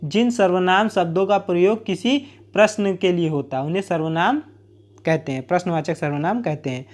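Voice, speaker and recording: A man's voice: sits high, normal speed. Man teaching a grammar lesson. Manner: explains plainly with everyday examples, repeating points.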